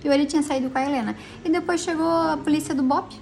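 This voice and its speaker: This woman talks fast in a high, fairly even voice that is creaky and a little mellow, with slight background noise. Tired and middle-aged, she is vlogging from a police station, recounting her dispute in an agitated, rambling way and restarting often.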